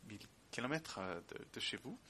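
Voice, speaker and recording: A man, a native English speaker with an English-speaking accent in French, chatting casually and reminiscing, often halting as he searches for words. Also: medium pitch, lively intonation, sharp tone. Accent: foreign, English-speaking.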